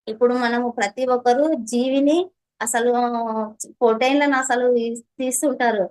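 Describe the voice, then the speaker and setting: A woman's voice: fairly high pitch, poor audio. A woman with a Telangana Telugu accent, earnestly sharing her meditation experience with an interviewer in a fervent, preachy way. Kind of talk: personal testimony to an interviewer.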